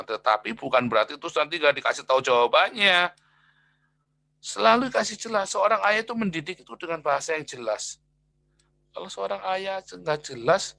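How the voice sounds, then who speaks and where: Animated, gravelly-voiced preacher man. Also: mid-range voice, no echo. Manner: animated, swings between loud emphatic lines and quiet asides; acts out quoted people in a raised voice. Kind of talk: sermon.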